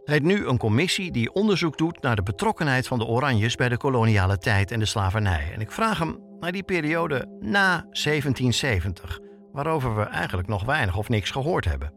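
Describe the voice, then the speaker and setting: A man's mid-range voice comes across sing-song, brisk and a bit bright. He hosts and reports on a podcast, narrating a scripted documentary in storytelling fashion and asking rhetorical questions.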